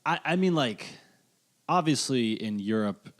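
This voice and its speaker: A man's voice: medium pitch, lively intonation, measured pace. A man hosting a podcast, chatting casually in a joking, self-deprecating way. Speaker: podcast host.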